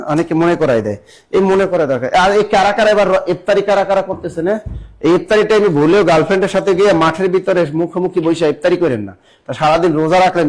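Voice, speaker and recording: A slightly mellow, high-sitting voice belongs to a young adult man leading a live online exam-prep session. He spells words at a slow pace, quizzes viewers and voices their comments aloud.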